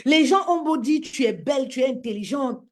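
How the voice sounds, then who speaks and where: A woman's voice: sits high, animated, normal speed. A woman preaching emphatically to women, repeating her points and calling them her queens. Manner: emphatic, repetitive, addressing listeners as "my queen". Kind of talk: preaching to women on social media live.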